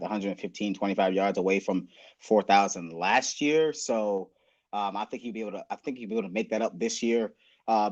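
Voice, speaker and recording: A man's voice: fairly low pitch, muffled recording. A man co-hosting a casual football podcast, loose and rambling as he gives his pick. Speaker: podcast co-host. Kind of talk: casual sports podcast chat.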